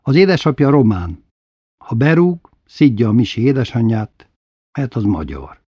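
A man voicing a disapproving mother, husky. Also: mid-range voice, very animated, dark tone, dry recording, studio quality.

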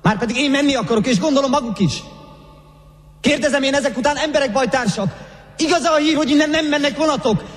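A man playing a desperate young traveller in a radio play, rapidly pleading and trying to rouse a crowd. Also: very high-pitched, reverberant, big-room sound. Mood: frantic. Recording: loud music behind the voice.

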